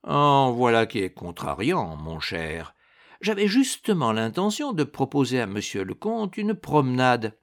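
A man's voice: mid-range voice, huge pitch swings, a little slow. A man playing a swaggering male swordsman with a teasing, ironic manner. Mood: wry.

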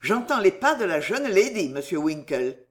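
A woman doing a brisk, urgent manservant. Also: lowish voice, very animated. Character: shrewd loyal young manservant, brisk.

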